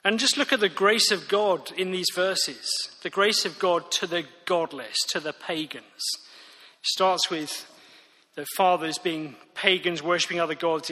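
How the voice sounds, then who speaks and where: A man's voice: on the high side, sharp tone. A man preaching a sermon, earnest and emphatic, returning again and again to key phrases. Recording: reverberant hall.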